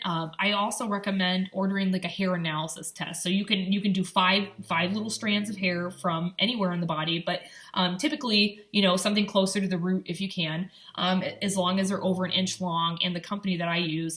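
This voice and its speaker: This young Michigan woman vlogs casually with a light Upper Midwest American accent, her voice on the low side and fairly bright. She's upbeat and encouraging, chatting along with plenty of ums and likes.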